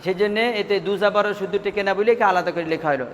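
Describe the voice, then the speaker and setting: A man's voice: high-pitched, steady tone, rapid-fire, in a large hall, slight background noise. A man teaching Quran recitation rules in a classroom, asking his students questions, repeating the answers and drawing out syllables as a drill. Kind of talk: classroom lesson.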